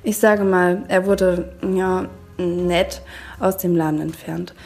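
A woman reads a diary entry aloud in a scripted, matter-of-fact way. Her voice is dark and mellow at a middle pitch. Soft music plays faintly underneath. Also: steady tone, slow, gravelly. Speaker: diary columnist.

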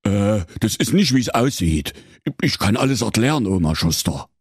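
A man voicing a gruff, greedy male wolf in a comic storybook tale, grumbling and threatening. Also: fairly low pitch, big pitch swings, normal speed, no room sound, clean studio sound, exaggerated voice. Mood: flustered.

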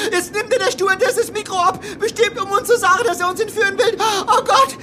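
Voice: very high-pitched, a little fast, sharp tone. A performer playing a panicky elderly male plane passenger who stammers and frets frantically in a comedy sketch. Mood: panicking. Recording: noisy sketch recording.

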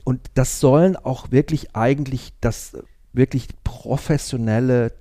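Gravelly-voiced man, dark tone. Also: mid-range voice, measured pace. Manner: lively, laughs while explaining. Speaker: podcast host. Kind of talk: casual podcast chat.

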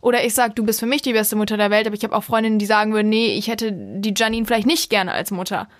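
A woman's voice: medium pitch, dry recording. Argumentative young woman, dry close voice. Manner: argumentative, quick to object, laughs often. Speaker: podcast guest, host's daughter. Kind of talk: casual podcast chat.

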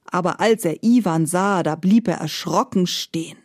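A woman's voice: lowish voice, moderate pace, dry recording. Woman telling a fairy tale, dry studio. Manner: lively, acting out characters' lines. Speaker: storyteller.

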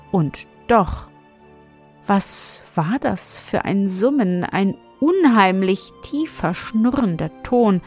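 Female storyteller, slow measured fairy-tale reading, faint music behind. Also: mid-range voice.

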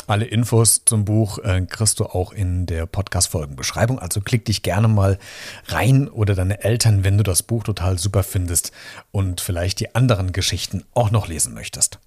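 A man hosting a podcast, reading a children's book aloud in a friendly, lively storytelling manner. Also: on the low side, no echo, studio quality.

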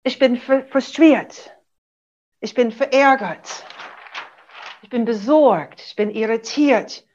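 High-voiced American woman coaching in German. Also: takes it slowly, pauses often, highs cut off. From USA. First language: English. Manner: animated, acts out sample dialogues. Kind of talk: webinar teaching.

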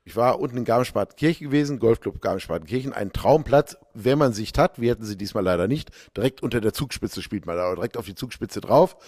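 A man co-hosting a casual chat in a relaxed, conversational way. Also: medium pitch, fast talker, few pauses, no room sound, studio quality. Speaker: podcast co-host.

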